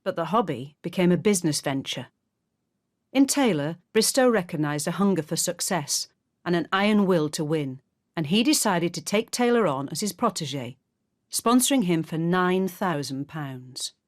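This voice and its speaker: A woman giving measured, scripted documentary narration. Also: lowish voice, expressive.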